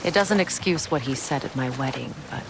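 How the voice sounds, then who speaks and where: A woman playing a proud, weary goddess queen who speaks in a measured way with dry sarcasm. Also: very deep voice, gravelly, background noise. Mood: wistful. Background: game music.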